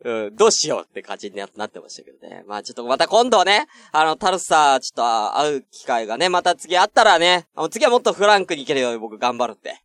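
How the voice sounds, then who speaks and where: Guy hosting a podcast, chatty and rambly, pitch jumping all over, dry close mic. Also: big pitch swings, quick pace, few pauses, a bit bright, dry recording. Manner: chatty storytelling, many fillers, acts out quoted exchanges. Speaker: podcast host. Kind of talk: casual podcast chat.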